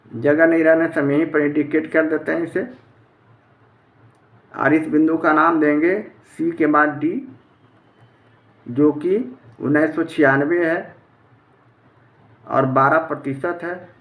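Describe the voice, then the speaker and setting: A man's voice: on the high side, little pitch movement, takes it slowly, long pauses, a bit bright. Methodical male math teacher, echoey room. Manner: methodical, plain explanatory delivery. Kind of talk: step-by-step math lesson.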